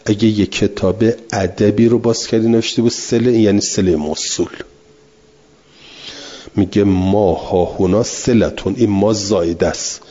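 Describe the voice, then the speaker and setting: A man's voice: fairly low pitch, mellow. A man teaching a class, reading a text aloud and then explaining it patiently with repetition and answering students. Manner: answers students' questions directly. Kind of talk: classroom lecture on scripture. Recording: dull lo-fi recording.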